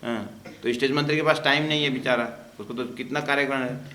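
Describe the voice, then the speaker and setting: A man's voice: medium pitch, fairly even intonation, quick pace, bright, forceful tone. A man teaching a scripture class, explaining verses and acting out the dialogue in small stories. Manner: acts out dialogue in story asides. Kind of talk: Hindi scripture class with storytelling. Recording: roomy echo.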